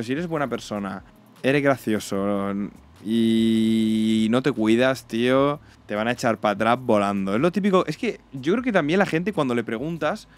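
In his video reaction stream, a young man from Spain speaks with a Spanish accent and gives blunt, casual commentary loaded with slang and curses. He ridicules others by imitating them in shrill, exaggerated voices.

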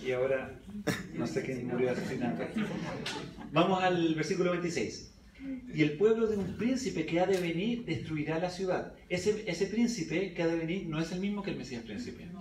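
With crowd noise in the background, a man with a fairly high voice preaches a Bible study sermon at normal speed. Recorded from a distance in an echoey church hall, he reads scripture aloud and questions the congregation.

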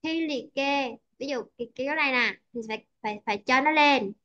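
A woman's voice: sits high, brisk, a bit bright, muffled recording. A Vietnamese woman teaching English pronunciation in an online lesson, patient and checking often that the student follows.

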